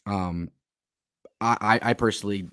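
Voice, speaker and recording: A man's voice: fairly low pitch, unhurried, sharp tone, no echo. A man co-hosting a sports podcast, talking bluntly and with exasperation, with some swearing. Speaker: podcast co-host. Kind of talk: heated sports podcast talk.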